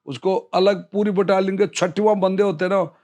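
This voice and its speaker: A middle-aged man from India tells an old army story, high in pitch. He is an interview guest and an animated storyteller, slipping into the voices of the people he quotes. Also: normal speed, muffled recording. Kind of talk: storytelling in casual conversation.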